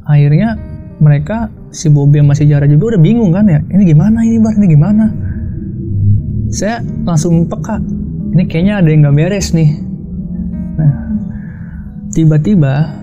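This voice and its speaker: A man telling a story of his own in a casual, hushed, halting way, often quoting himself and others. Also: fairly high pitch. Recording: dull lo-fi sound with faint music.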